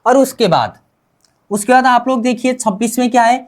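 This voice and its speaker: A woman's voice: fairly high pitch, moderate pace. A woman teaching a language class, repeating sounds and asking and answering her own questions. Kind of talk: classroom-style language lesson.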